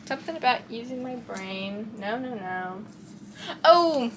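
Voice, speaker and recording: A young adult woman from Texas, a vlogger with a light Texan accent, chats casually in her bedroom, rambling and often losing her train of thought. Her voice is on the high side, expressive and unhurried, over a noisy background.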